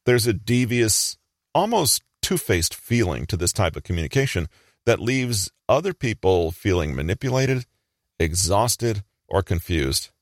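Male narrator for an explainer: very low voice, dry close sound, calm and measured scripted delivery. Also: no room sound.

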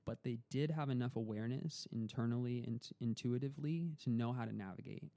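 A young man tells his story as a podcast guest in a casual interview, reflective and earnest, repeating words as he gathers his thoughts. He speaks fairly quickly in a warm, gravelly, medium-pitched voice, with no echo.

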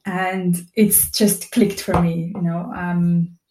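A woman's voice: on the low side, little pitch movement, slow, dark tone. A woman from Belgium, an Ayurvedic practitioner, telling her story as an interview guest in a thoughtful, hesitant way. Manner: thoughtful and hesitant, many ums and restarts. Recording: roomy echo.

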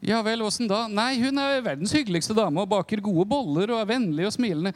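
A man playing a worried church elder who reports an odd woman in hesitant, hurried speech. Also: sits high, expressive, pitched above the performer's own voice.

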